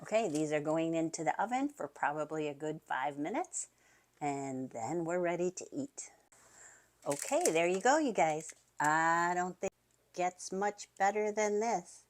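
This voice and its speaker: This is a casual recipe demo from a woman's home cooking channel: she speaks directly to viewers, calls them "you guys," and keeps up enthusiastic chatter. Her low-pitched voice has lively intonation and a slightly slow pace.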